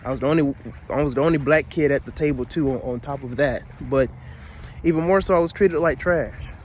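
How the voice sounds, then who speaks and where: A man's voice: fairly high pitch, fairly quick, slight background noise. A man with a groggy morning voice telling a long story in a casual, rambling vlog, full of restarts and asides. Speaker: vlogger.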